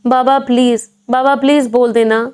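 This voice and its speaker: A woman's voice: fairly high pitch, fairly even intonation, darkish tone, clear, resonant tone, close to an everyday voice. A woman doing a tearful grown son begging. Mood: pleading.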